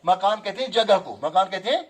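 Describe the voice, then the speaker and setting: Guy teaching a class, pretty high voice, repeats stuff slowly and asks students questions. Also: lively intonation. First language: Kashmiri. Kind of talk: classroom grammar lesson.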